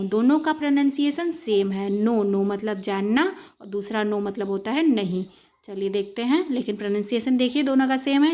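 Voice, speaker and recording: A young woman with a fairly high voice takes a coaching class through an English lesson. She explains each word in Hindi and spells it out letter by letter. When she reads an example sentence in English, her pace drops to a slow, careful crawl. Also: darkish tone. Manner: repeats words slowly and spells them out letter by letter. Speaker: English teacher.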